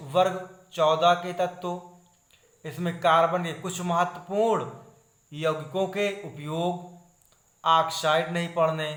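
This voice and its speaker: A man with a somewhat high voice goes through a chemistry syllabus for students. He lists item after item in an even, repetitive way and keeps calling his viewers friends. The room around him is echoey. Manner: steady listing tone, repeating "not to study", addressing viewers as friends. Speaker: chemistry teacher. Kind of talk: online exam-syllabus lesson.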